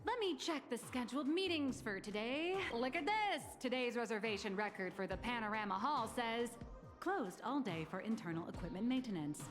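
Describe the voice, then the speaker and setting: A woman's voice: a little high, big pitch swings, normal speed, over music. An actress playing a shrewd, confident businesswoman in a game, calculating and dry.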